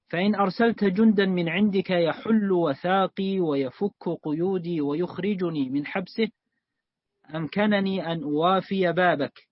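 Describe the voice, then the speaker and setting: Male reader, formal and measured; high voice, dry dull recording. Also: no room sound. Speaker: student reading the text aloud. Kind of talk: formal reading aloud of a classical text.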